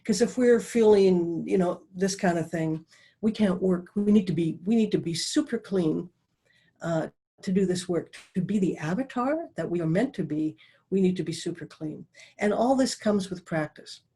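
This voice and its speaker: A middle-aged woman giving an online talk as a dowsing presenter, speaking quickly and earnestly with restarts and asides. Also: fairly low pitch, dark tone, breathy edge. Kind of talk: online talk over a video call. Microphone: video call.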